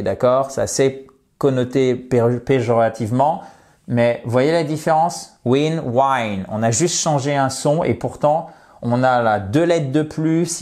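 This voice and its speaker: A man teaches English pronunciation in French, his voice at an ordinary middle pitch. He checks in often with the viewer. He slows down to model each example word clearly. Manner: lively, addresses viewers directly, checks with "ok?" and "d'accord?"; models English words slowly and with emphasis. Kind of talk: online lesson, explaining to viewers.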